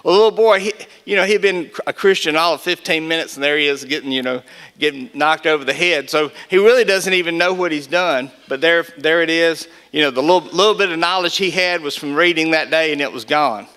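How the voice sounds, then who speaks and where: Male speaker, folksy storyteller, clear forceful voice, a touch higher than most men. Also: fairly quick. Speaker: Gideons speaker. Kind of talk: storytelling testimony talk.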